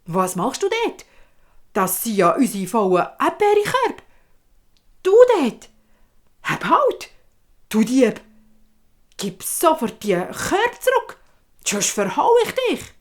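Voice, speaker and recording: A woman's voice: high voice, very animated, normal speed, fairly bright tone, pitched above the performer's own voice. A woman voicing a brave young boy in a fairy tale, talking earnestly, with a Swiss German accent. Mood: angry.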